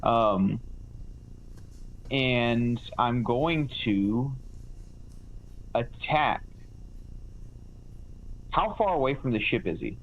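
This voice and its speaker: A man's voice: mid-range voice, animated, drawn-out words, pauses often. A man chatting casually as a player in a tabletop game, hesitant and self-deprecating. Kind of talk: casual chat at a gaming session. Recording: slightly dull, noisy lo-fi audio.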